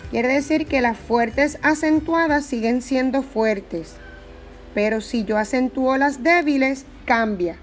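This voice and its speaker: A woman's voice: high-pitched, takes it slowly, faint music behind. A woman teaching a Spanish grammar lesson, explaining patiently and repeating her examples.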